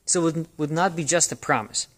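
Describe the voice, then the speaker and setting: A man's voice: fairly high pitch, fairly quick, a bit bright. A man giving a short devotional talk, earnest and exhorting, repeating phrases for emphasis.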